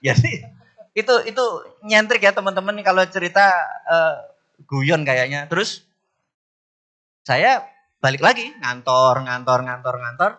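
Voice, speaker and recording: Bright animated man telling stories. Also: measured pace, pauses often. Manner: animated, jumps high in pitch when acting out others; asks the audience "bener nggak?". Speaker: business speaker. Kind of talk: storytelling talk to an audience.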